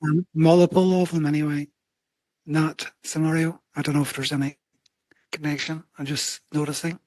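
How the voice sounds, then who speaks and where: A man's voice: a little high, little pitch movement, moderate pace, a little mellow, no echo. A man taking part in a Bible study discussion, offering tentative, hedged observations.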